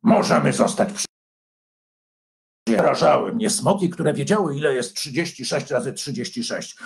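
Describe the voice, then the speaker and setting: A man's voice: medium pitch, lively intonation, moderate pace, vocal fry. A man voicing a grand, eccentric male dragon in a children's storybook, declaiming in a self-important way. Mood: pompous. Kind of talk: storybook character voice.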